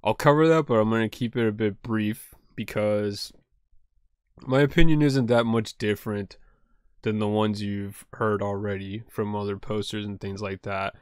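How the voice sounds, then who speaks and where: A young man who makes card game content chats casually to the camera from home, rambling with plenty of fillers and "like" while poking fun at himself. His voice sits on the low side, steady in tone and clear with a resonant quality, at a normal speed. The recording is dry and studio quality.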